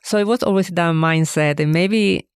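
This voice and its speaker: A woman's voice: fairly low pitch, normal speed, smooth, no room sound, clean studio sound. A middle-aged woman from Venezuela, telling her story as an interview guest in an earnest, reflective way. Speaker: guest, bakery owner. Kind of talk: casual interview answers.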